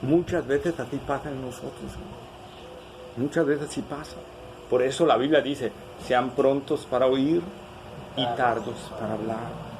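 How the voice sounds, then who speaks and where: A man's voice: medium pitch, fairly even intonation, normal speed, background noise. A man preaching a sermon as pastor. He asks the congregation rhetorical questions, tagging many lines with "¿verdad?".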